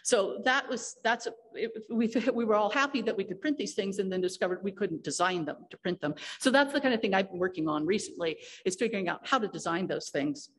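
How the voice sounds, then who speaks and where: A woman's voice: medium pitch, brisk, few pauses, slightly rough. A woman giving a technical conference talk in a lecture hall, explaining with frequent fillers and restarts. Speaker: conference speaker.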